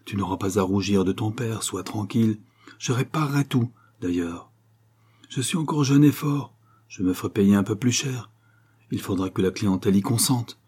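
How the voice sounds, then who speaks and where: A man's voice: fairly low pitch, normal speed, darkish tone, slightly rough. A man playing a troubled middle-aged painter father, talking lightly and reassuringly over his strain.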